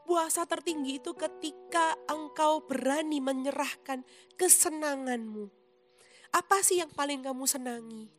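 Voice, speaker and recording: Woman preacher, high voice, earnest and emphatic, sermon, faint music behind. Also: unhurried. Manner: speaks of herself in the third person, earnest and emphatic.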